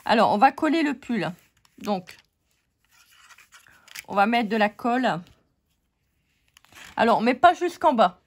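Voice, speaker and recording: Woman crafting tutorial host, playful, joking, slow-paced, fairly high voice. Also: very animated. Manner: joking, playful, teasing the viewers. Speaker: card-making tutorial host.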